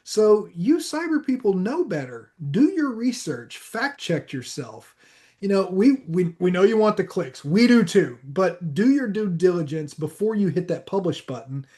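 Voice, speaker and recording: A male podcast co-host with a notably high voice. He rambles cheerfully, restarts his sentences and breaks into giggles. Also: very animated, unhurried, warm tone. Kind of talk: casual chat.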